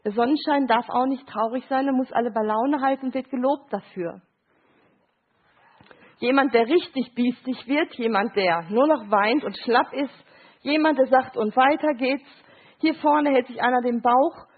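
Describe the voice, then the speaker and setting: A middle-aged woman with a high, husky voice lectures as a grief counselor. She walks listeners through picture cards, acting out short quoted voices and often checking in with a quick "Ja?". The sound is thin and phone-like. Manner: explains with short examples and quoted voices, asks "Ja?". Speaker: grief counselor giving a talk.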